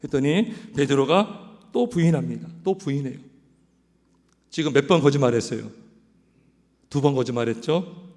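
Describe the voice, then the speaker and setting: A man's voice: on the high side, in a large hall. A man preaching a sermon as pastor, quizzing his congregation and acting out quoted lines. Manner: animated preaching, asks the congregation questions; acts out quoted lines in other voices. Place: church sanctuary.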